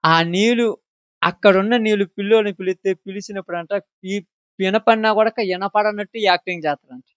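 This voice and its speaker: A man's voice: high-pitched, quick pace, a bit bright, smooth, no echo, lo-fi sound. A man preaching a sermon, asking the congregation question after question to drive home his points. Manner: emphatic, asks the congregation questions.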